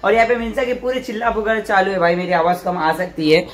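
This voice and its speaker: A man, vlogging casually to his viewers in an excitable, chatty way with frequent laughter. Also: high voice, fast, noisy background. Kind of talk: casual vlog narration to viewers.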